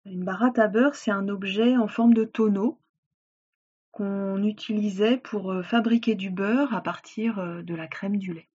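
Children's story reader: woman, husky, calm and clear, speaks to the child, dull recording. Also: medium pitch, unhurried. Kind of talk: reading a fairy tale aloud for a listening exercise.

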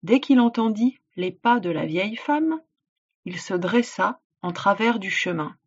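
A woman teacher reads a folk tale aloud in a clear, explanatory manner and speaks directly to a child. Her voice is husky. The recording sounds dull and lo-fi. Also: mid-range voice, animated, measured pace. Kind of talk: read-aloud storytelling and instructions.

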